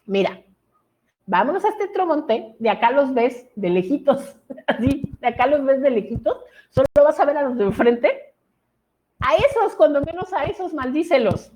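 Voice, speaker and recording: A woman's voice: high voice, expressive, normal speed, darkish tone, low-quality recording. A woman voicing a frustrated ancient king in a Bible story, bossing someone around with impatient demands.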